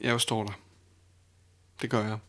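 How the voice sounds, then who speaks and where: A man's voice: on the low side, level tone, bright, forceful tone. A young man co-hosting a podcast, talking casually with many fillers and restarts. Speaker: podcast co-host and battle judge.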